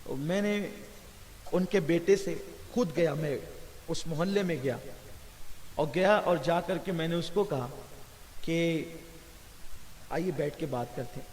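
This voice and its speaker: A male preacher telling a story in a sermon to a gathering, impassioned and swelling louder at the religious high points. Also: pauses often. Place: large gathering hall. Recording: reverberant hall with faint hiss.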